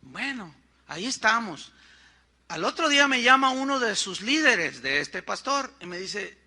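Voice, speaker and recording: An older Mexican pastor gives a sermon as a chatty story, turning often to the congregation with quick asides. His voice sits high. It is very bright and forceful. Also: big pitch swings.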